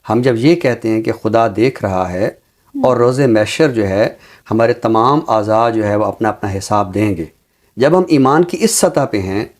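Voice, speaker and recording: Speaking slowly and with care, this man explains his opinions as a talk show commentator, using bookish, literary language with sincere conviction. His voice is medium in pitch and a touch mellow.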